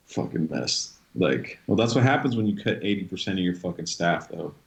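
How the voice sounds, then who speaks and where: A man's voice: low-pitched, expressive, normal speed. A man co-hosting a casual live-stream chat, blunt and swearing freely. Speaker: co-host.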